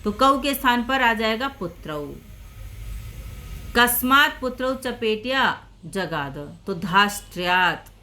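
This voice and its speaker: Going patiently over each rule and repeating her examples, a female Sanskrit teacher explains a lesson in Hindi. Her slightly high voice is bright, sharp and animated, and she speaks at a slow, deliberate pace.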